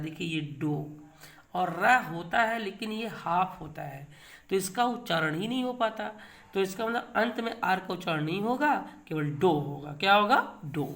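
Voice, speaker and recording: A man teaching English grammar in a classroom-style lecture. He keeps quizzing his listeners with rhetorical questions, repeats key words, and reads example sentences slowly and with emphasis. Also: high voice, fairly bright tone.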